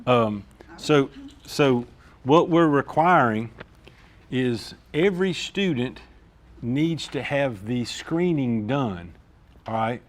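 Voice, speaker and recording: A school district administrator walks a meeting through discipline procedures. He talks informally, keeps checking that people follow him, and speaks at a middling pitch. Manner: informal, repeats "all right?" to check understanding. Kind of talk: explaining procedures at a staff meeting.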